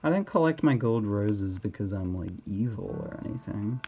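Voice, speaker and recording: A gamer narrates his own play in a casual, rambling way, thinking out loud and often second-guessing himself hesitantly. His voice sits on the low side, expressive and warm, at a moderate pace. There's a slight hiss or hum in the background.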